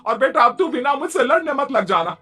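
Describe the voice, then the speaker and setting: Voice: high-pitched, big pitch swings, brisk, bright, forceful tone, slightly rough, exaggerated voice. A performer voicing a quarrelsome, martyred mother-in-law who scolds and complains in a Hindi moral-story cartoon. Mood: scolding.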